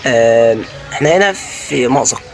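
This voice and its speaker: A man with an Egyptian Arabic accent giving Minecraft let's-play commentary, jumpy and panicky, breaking into high shrieks when scared. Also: lively intonation, normal speed, vocal fry, faint music behind. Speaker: gaming YouTuber.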